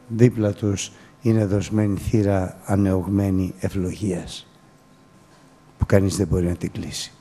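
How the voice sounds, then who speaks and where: A man preaching a sermon earnestly, often dropping to a quiet voice and sometimes rising to sudden exclamations. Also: lowish voice, slightly rough, in a large hall.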